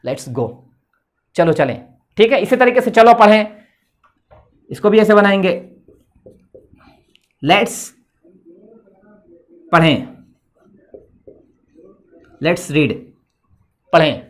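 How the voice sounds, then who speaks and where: A man's voice: sits high, animated, slow, pauses often. Male English teacher, tinged delivery, patient board lesson, repeats his check-ins. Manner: repeats "theek hai" often, explains patiently.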